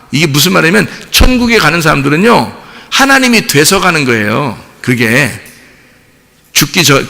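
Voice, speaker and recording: A man's voice: fairly high pitch, vocal fry, bright, forceful tone. A man preaching a sermon as a pastor in a church, talking conversationally and asking the congregation questions. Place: church sanctuary. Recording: long hall reverb.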